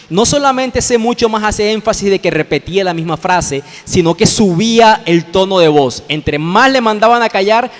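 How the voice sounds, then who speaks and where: A man with a Colombian accent preaching a sermon as pastor, explaining the text and addressing listeners directly, repeating phrases for emphasis. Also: high-pitched. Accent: Colombian Spanish. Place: church hall. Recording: long reverb of a church hall.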